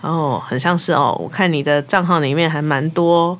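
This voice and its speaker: A woman's voice: low-pitched, moderate pace. A woman with a Taiwanese Mandarin accent, co-hosting a podcast and telling stories playfully in casual chat. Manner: lively, playful storyteller. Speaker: podcast co-host.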